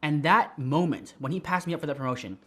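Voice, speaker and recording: A man teaching how to start an online business, talking straight to camera in a direct, energetic way, with a slight whistle on his S sounds. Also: on the high side, fast. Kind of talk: tutorial to camera.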